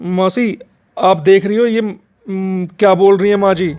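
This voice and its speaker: A man's voice: high voice, fairly even intonation, takes it slowly, a little mellow, clear, resonant tone. Man voicing a pleading young mother. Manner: pleading, defensive.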